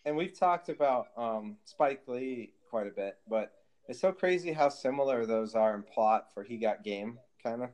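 A man's voice: medium pitch, animated, moderate pace, darkish tone. A man co-hosting a podcast in casual chat, rambling through topics with many fillers. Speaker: podcast co-host.

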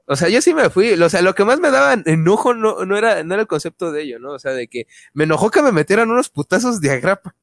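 A man's voice: high-pitched, big pitch swings, quick pace, hardly any pauses, dry recording. A young adult man with a Mexican accent, co-hosting a casual chat and telling a personal story, full of slang and swearing. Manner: slangy, swears freely, acts out quoted voices. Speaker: podcast co-host.

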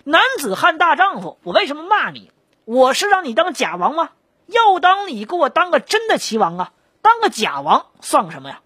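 A woman voicing a crafty ancient king who scolds loudly with mock indignation, in a spoken history story. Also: sits high, huge pitch swings, fairly quick, hardly any pauses, husky, no room sound, studio quality, pitched above the performer's own voice, exaggerated voice. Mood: mock-angry.

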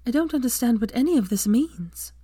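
A woman's voice: a little high, animated, brisk, dark tone, husky, dry recording, clean studio sound, pitched above the performer's own voice. A woman voicing a bewildered young witch asking confused questions.

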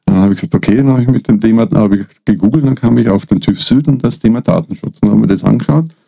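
A middle-aged man with a low, gravelly voice tells a story as a podcast guest. His tone is dark and slightly husky. He often stops short and restarts his sentences. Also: no echo. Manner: halting, frequent restarts and fillers. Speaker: guest, data protection consultant.

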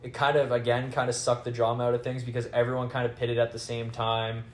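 A man's voice: mid-range voice, flat delivery, fast. A man hosting a casual chat about motor racing, peppering his talk with "like" and "kind of". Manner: filler-heavy, hedging with "like" and "kind of". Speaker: podcast host. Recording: echoey room with faint background noise.

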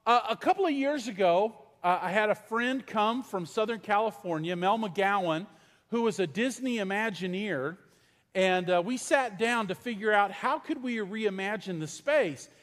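A middle-aged pastor preaches a sermon in a large church, telling stories conversationally and asking the congregation questions. His voice is high and a bit bright, at a moderate pace. The recording carries the long reverb of a large church hall.

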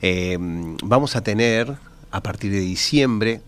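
A man with a Uruguayan accent chatting on a radio travel show in a halting, anecdotal way. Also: on the low side. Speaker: travel professional. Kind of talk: conversational radio talk.

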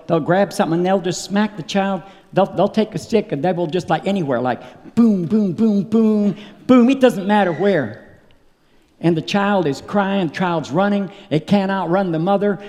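A middle-aged man preaches in a high-pitched voice, weaving personal stories into his sermon and acting out the people in them. His delivery grows louder and more urgent as he goes. A long reverb hangs on every word, as in a large hall.

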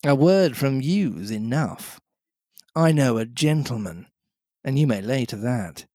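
A man voicing a sly, cheery pirate leader in an adventure storybook, mock-polite and cajoling, with drawn-out words. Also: mid-range voice, animated, darkish tone, dry recording, clean studio sound. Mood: cheerily cajoling.

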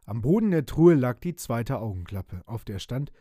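Male storyteller for a children's pirate tale, animated, dry studio read. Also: mid-range voice, normal speed, no room sound. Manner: lively, expressive, voices the characters. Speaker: narrator. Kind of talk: storybook reading.

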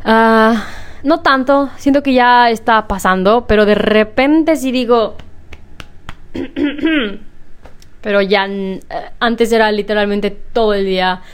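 A young woman chatting casually at home, laughing often and clearing her slightly hoarse throat. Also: a little high, slow pace, long pauses. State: slightly hoarse after illness. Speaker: vlogger. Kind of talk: casual chat to camera. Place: home room. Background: washing machine.

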